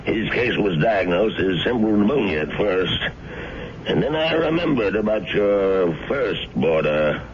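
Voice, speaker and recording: A man's voice: lowish voice, sing-song, a little slow, a crowd in the background. An actor playing a reassuring older doctor in a radio drama, folksy and hesitant as he kindly explains. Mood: calm, reassuring. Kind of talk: 1970s radio drama acting. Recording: noisy, dull old radio broadcast.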